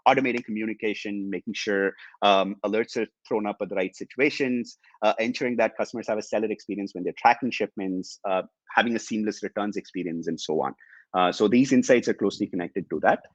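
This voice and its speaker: A company executive whose first language is Tamil presents a business webinar, explaining hesitantly with many ums and uhs. His voice is on the low side and quick-paced, in a dry, low-quality recording.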